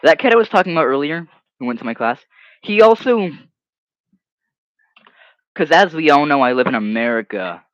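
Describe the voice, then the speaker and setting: On the high side and at a moderate pace, this young livestream host pauses often as he reads comments and chats casually. A native Hebrew speaker, he rambles animatedly and occasionally mumbles off. The dry, slightly muffled home mic gives no echo.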